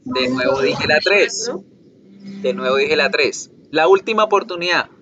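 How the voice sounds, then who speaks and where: Male teacher, online pronunciation class, slow and patient, dull dry lo-fi sound. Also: fairly high pitch, animated, bright, forceful tone, slight background noise. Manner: patient, drills sounds by repetition. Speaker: English teacher. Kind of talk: virtual pronunciation lesson.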